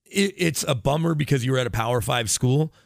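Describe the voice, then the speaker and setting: On a casual sports talk show, a male radio guest with a medium-pitched voice and vocal fry speaks fairly quickly. He gives lengthy, meandering explanations full of tangents and self-corrections, recorded cleanly in a studio without echo.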